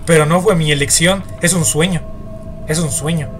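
A man's voice: fairly high pitch, fairly even intonation, moderate pace, a little hiss or hum. A young man with a Mexican accent giving horror game commentary, jumpy and swearing as he talks to himself and his viewers. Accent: Mexican Spanish. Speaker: gaming YouTuber.

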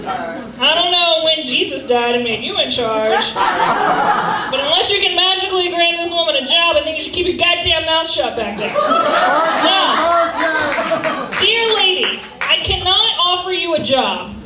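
High-voiced sassy woman hosting onstage, crowd roaring. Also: animated, measured pace. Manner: teasing, sassy, sardonic; projecting to a crowd. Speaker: burlesque revue host. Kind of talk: improvised comic stage banter with audience volunteers. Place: indoor theatre stage. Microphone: handheld microphone through PA, picked up from afar. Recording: echoey theatre, distant camera, loud crowd noise. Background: laughing, noisy audience.

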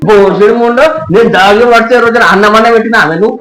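A man's voice: high-pitched, steady tone, quick pace, a bit bright, roomy sound, faint music behind, poor audio. A man playing a jealous husband in a comedy skit, accusing and quarrelsome. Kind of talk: Telangana Telugu comedy skit acting.

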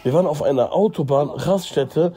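A man's voice: a little high, normal speed, warm tone, faint music behind. A man in his twenties telling a story casually to his viewers, chatty and direct. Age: 20s. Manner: chatty, addresses viewers as guys, fills with "ne?".

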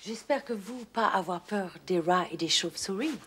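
A woman's voice: medium pitch, normal speed, husky, close to an everyday voice. Woman playing a haughty Scottish lady. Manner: broken French, stiff and haughty. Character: prim young Scottish noblewoman. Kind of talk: 1980s French sitcom acting.

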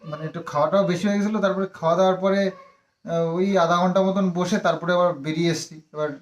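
A woman from West Bengal talks casually at home in a low, deep voice for her family vlog. She rambles loosely, filling pauses often, and sounds worn out after a long ride. A faint hiss sits behind her. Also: steady tone, muffled recording. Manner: chatty and rambling, with many fillers; fond and teasing when talking to a child. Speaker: family vlogger. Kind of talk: casual vlog chat to camera.

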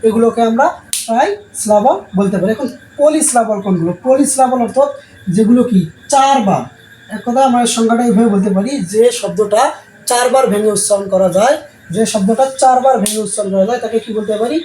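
A man's voice: extremely high pitch, quick pace, warm tone. Man, teacher, repetitive question-and-answer style, echoey room, faint noise. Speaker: English teacher. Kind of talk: classroom lesson. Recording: roomy sound with faint background noise.

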